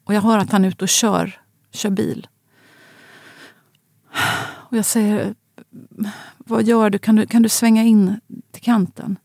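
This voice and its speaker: A woman in her forties narrating a personal story in a quiet, halting, grave way. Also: medium pitch, flat delivery, creaky, no room sound.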